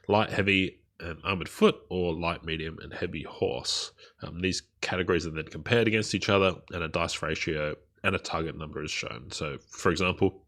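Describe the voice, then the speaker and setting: Low gravelly man with a blocked nose. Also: a bit bright. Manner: hesitant, many ums and uhs. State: nasal, blocked nose from a cold. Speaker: podcast host. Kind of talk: solo podcast commentary.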